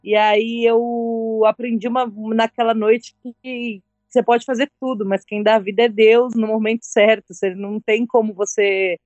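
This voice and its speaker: A woman, giving a reflective personal testimony in an interview in a measured way. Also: on the high side, flat delivery, darkish tone, no room sound.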